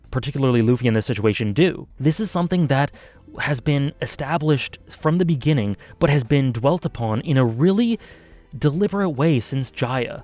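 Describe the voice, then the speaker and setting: A man's voice: medium pitch, dark tone. A man casually reviewing an anime arc, thinking aloud with many fillers and self-corrections.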